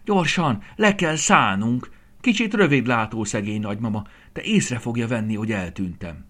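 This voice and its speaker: A man voicing a naive, excitable little piglet who asks wide-eyed, eager questions in a raised voice. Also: on the low side.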